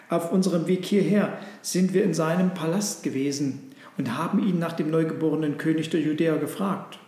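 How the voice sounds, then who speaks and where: A man's voice: fairly high pitch, dark tone, close to an everyday voice. A man doing a stately noble traveller. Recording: roomy echo.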